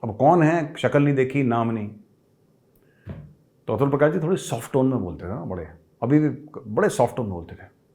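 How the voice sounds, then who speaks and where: A middle-aged man hosting a show, telling a personal story in a lively way and sliding in English phrases. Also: medium pitch, fairly quick, long pauses. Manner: lively, acts out quoted people with raised voice, mixes English phrases. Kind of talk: animated storytelling.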